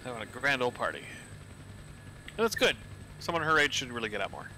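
A man making quick wisecracks over game voice comms. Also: mid-range voice, sing-song, bright, forceful tone, a little hiss or hum, poor audio. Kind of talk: casual gaming chat over voice comms.

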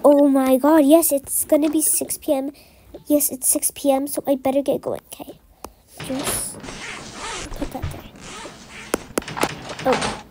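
A woman's voice: sits high, level tone, measured pace, long pauses, mellow, a little hiss or hum. A woman narrating and role-playing a game story in a chatty, filler-heavy way.

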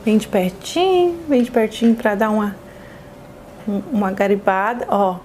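A woman's voice: mid-range voice, animated, normal speed, darkish tone, a little hiss or hum. A woman with a Brazilian Portuguese accent hosting a chatty cooking demonstration in a kitchen, effusive and exclamatory, fondly addressing her viewers. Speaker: cooking show host.

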